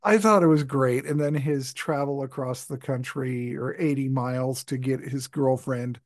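Joking podcast co-host, dry close sound. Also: male voice, medium pitch, normal speed, no room sound. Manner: joking, rambling, laughs often. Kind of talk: casual chat.

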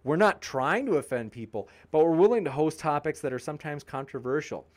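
Male live-stream host, higher-pitched, upbeat and jokey, reading out chat comments. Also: expressive, a little fast, a little mellow. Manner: upbeat, joking, reading viewer comments aloud. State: tiring, pausing to drink. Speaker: debate channel host.

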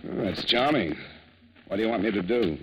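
A man's voice: lowish voice, expressive, fairly quick, a bit bright, a little hiss or hum. An actor playing a dry, wisecracking insurance investigator who narrates his own case, in an old radio drama. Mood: wry. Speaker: narrator and lead. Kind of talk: 1950s radio drama acting. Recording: dull old radio broadcast with music.

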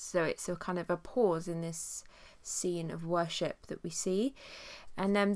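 Suffering from a cold, a woman with a lowish, nasal, pushed and bright voice teaches an informal Bible study, chatting with lots of fillers and reading long passages aloud. The recording is close and dry, with no room sound.

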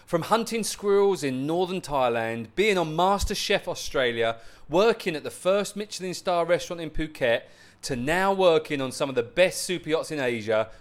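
Lively high-voiced joking male host. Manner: teasing, joking banter. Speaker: podcast host. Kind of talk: casual chat.

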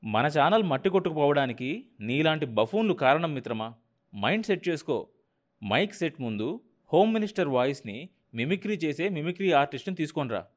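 A man's voice: a little high, sing-song, a little fast, pitched above the performer's own voice. A man voicing a brash, scheming male TV channel boss who talks down to his staff in a mocking, domineering way.

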